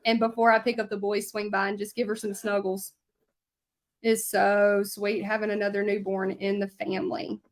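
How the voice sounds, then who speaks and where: This woman speaks in a mid-range voice at normal speed, with little movement in pitch. In her thirties and Southern-accented, the Louisiana native keeps up a casual, bubbly stream of chat with her livestream audience while she demonstrates hand lettering.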